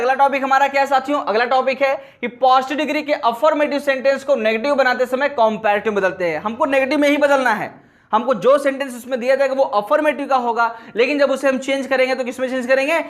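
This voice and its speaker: Man, very high voice, grammar teacher, asks and answers his own questions. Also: steady tone, fast, fairly bright tone. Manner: asks questions and answers them himself, repeating key points. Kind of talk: classroom lesson explaining grammar.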